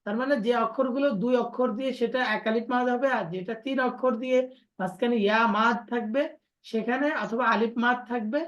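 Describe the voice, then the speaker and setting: Speaking fairly quickly in a slightly high, steady voice, this woman teaches Quran recitation in an online class. She goes over letters and pronunciation with patient explanations and repetition drills.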